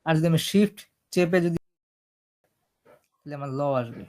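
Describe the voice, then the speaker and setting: A man teaching a screen-recorded typing lesson, explaining each step slowly and checking that his listeners are following. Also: fairly high pitch, animated, a little mellow. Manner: explains step by step, often checking "ঠিক আছে?". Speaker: computer typing instructor.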